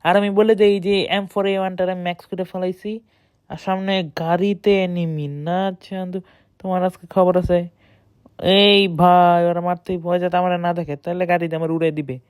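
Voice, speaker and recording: A woman gives excited, boastful running commentary while playing a shooter game, speaking close to the mic. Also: fairly low pitch, fairly quick, smooth, no room sound. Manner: excited, boastful self-talk. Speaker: gamer streamer. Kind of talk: live gameplay commentary.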